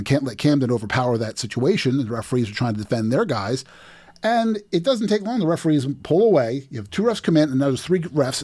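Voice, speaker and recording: A middle-aged man from New Jersey hosting a sports video, walking through game footage play by play with emphatic, repeated phrases. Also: medium pitch. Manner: animated play-by-play, emphatic restarts. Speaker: host breaking down game footage.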